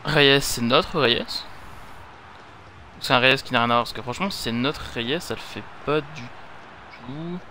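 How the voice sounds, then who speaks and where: Young guy rambling over a football game, bright slightly high voice, bit of hiss. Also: a little slow, long pauses. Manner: chatty, rambling, self-correcting. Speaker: gaming YouTuber. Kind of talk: casual gameplay commentary. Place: home gaming setup.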